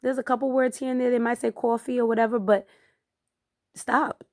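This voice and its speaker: A woman giving a chatty, emphatic review of a movie in a casual vlog, growing animated as she rants. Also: a little high, brisk. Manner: chatty, emphatic, gets animated when ranting. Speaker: film reviewer.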